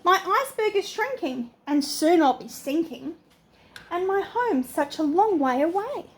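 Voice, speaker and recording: An older woman, a sweet old lady, voicing a polite, apologetic male polar bear from a storybook, courteous and gently pleading. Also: very high-pitched, very animated, unhurried, exaggerated voice. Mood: hopeful, pleading.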